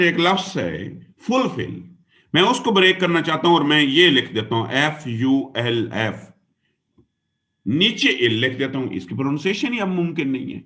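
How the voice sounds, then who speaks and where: A male teacher lecturing a class, his pitch rising and falling with animated, expressive swings. He spells words out letter by letter and keeps turning to his students with "dear student" and "son". He slips English terms in and out of his explanation. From Pakistan. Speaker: exam-prep teacher.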